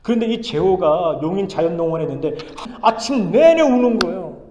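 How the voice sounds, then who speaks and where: Man, pastor, sermon storytelling, fairly high voice, roomy sanctuary sound. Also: sing-song, brisk, dull audio, slight background noise. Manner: storytelling, swings between loud exclamations and hushed asides. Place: large church sanctuary. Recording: echoey church hall, long reverb.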